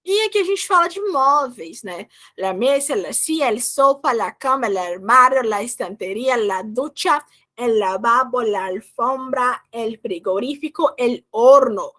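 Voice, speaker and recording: A young woman with a Brazilian Portuguese accent teaches a Spanish class over a video call, explaining patiently and checking in with her students using "tá?" and "né?". Her voice is fairly high and fairly bright, animated but a little slow.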